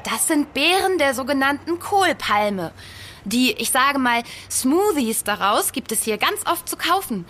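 An actress playing a bossy young know-it-all woman in a radio play who briskly explains and gives orders. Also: high-pitched, big pitch swings, a bit bright, full character voice. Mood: explaining. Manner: brisk, instructive, explains facts.

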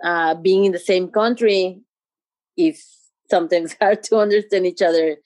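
A woman's voice: fairly low pitch, darkish tone, no echo. Mexican woman guest, dry close voice. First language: Spanish. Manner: halting, searching for English words. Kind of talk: casual chat.

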